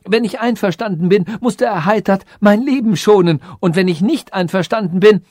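A man voicing a frightened old male sage who begs a cruel king for his life, high and pleading, in an audiobook reading. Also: huge pitch swings, measured pace, darkish tone, dry recording, clean studio sound, full character voice. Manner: high-pitched, pleading, rising in alarm.

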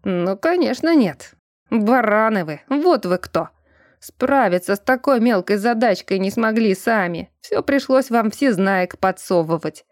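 A sly, sarcastic fox god sneers and drawls his way through every line, as a woman reading an audiobook puts him on. His speech is slow, teasing and grumbling. The sound is close and dry, with no room around it. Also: medium pitch, expressive, no echo, close to an everyday voice. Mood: mocking. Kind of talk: audiobook character voice.

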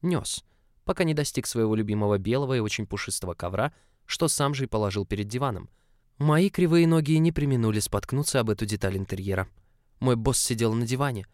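A man reading a story aloud as scripted narration in an even, measured way, close to the mic. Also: medium pitch, no echo. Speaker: audiobook reader.

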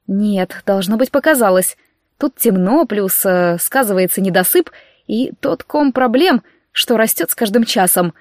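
A woman narrating a first-person audiobook story in a lively, theatrical way. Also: medium pitch, measured pace, no room sound, clean studio sound.

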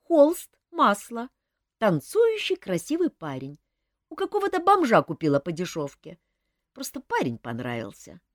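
Woman voicing an excitable young woman, high-pitched. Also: normal speed, no echo, clean studio sound. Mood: chatty. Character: young woman, emotional, quick-tempered.

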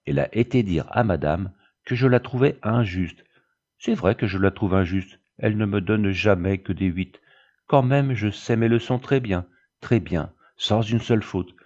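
A man reading the part of a chatty, excitable young girl who confides eagerly to her big sister, in a storybook reading. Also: fairly low pitch, normal speed, muffled recording. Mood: confiding.

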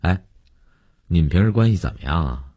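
A man reading the questions of a prying police officer in a spoken story, asking quickly and probingly. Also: sits low, animated, dark tone, husky.

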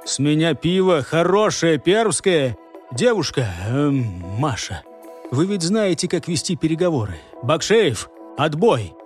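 A man voicing a gruff, commanding, burly male coordinator of a space base. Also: fairly high pitch, big pitch swings, measured pace, faint music behind. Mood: relieved.

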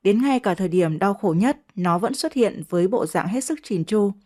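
A woman narrating a first-person story with steady, measured reading. Her voice sits in the middle of the female range. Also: medium pitch. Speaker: audiobook narrator.

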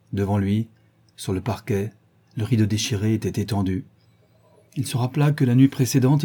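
Low, husky male audiobook narrator. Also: warm tone. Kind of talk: scripted narration.

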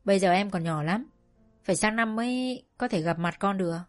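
A woman's voice: medium pitch, fairly quick, faint music behind, close to an everyday voice. A woman voicing a busy mother who explains patiently and scolds firmly. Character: busy mother favoring the baby.

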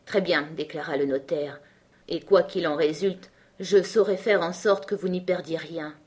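A woman reading a composed middle-aged male lawyer in an audiobook, measured and reasoning. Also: on the low side, darkish tone, slightly rough.

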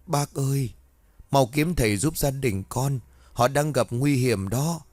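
A man's voice: medium pitch, unhurried, darkish tone, no room sound, clean studio sound, natural voice. Ghost of a young guy begging for help, man doing it, wailing, desperate. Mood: pleading. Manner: pleading, wailing.

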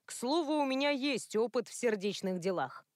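A woman's voice: on the high side, expressive, moderate pace, dry recording, clean studio sound, lightly acted. Woman reading as flustered young inspector. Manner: sighing, exasperated. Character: young male police inspector, flustered and impatient.

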